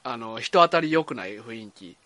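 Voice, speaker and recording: A man's voice: mid-range voice, lively intonation, moderate pace, pushed and bright, no room sound. A man with a Kansai accent, chatting casually as a co-host, laid-back and teasing, with many short agreeing replies. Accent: Kansai Japanese. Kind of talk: casual chat.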